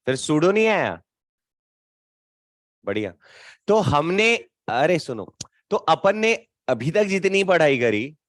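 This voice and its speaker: A man teaching physics to a class in a casual, teasing way, bantering with students and slowing down to stress key terms. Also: on the high side, no echo, studio quality. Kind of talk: classroom lecture.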